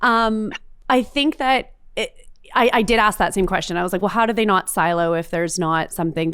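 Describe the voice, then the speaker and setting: A woman's voice: mid-range voice, clean tone, no echo, studio quality. A woman co-hosting a political podcast, chatty and full of hedges and fillers. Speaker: podcast co-host. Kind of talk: casual political chat.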